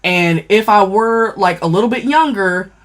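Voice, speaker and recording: A woman talking casually on a livestream about makeup, chatty and excitable, swearing freely and addressing her viewers directly. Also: medium pitch, a little slow. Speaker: livestream seller reviewing makeup. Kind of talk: casual live-stream chat.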